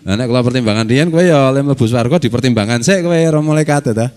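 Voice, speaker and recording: A man's voice: medium pitch, fast, a little mellow. A middle-aged man with a Javanese accent gives a casual religious lecture, joking and laughing as he teaches and recites Arabic. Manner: jokey, laughs often, mixes local and Arabic phrases. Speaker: Islamic scholar teaching a study circle.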